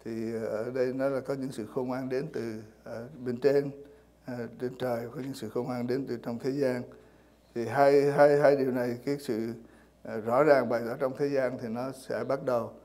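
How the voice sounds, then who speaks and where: Hesitant man preaching with a mellow voice. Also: medium pitch, steady tone, normal speed. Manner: hesitant, many fillers and repeated words. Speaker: pastor. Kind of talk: sermon. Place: church.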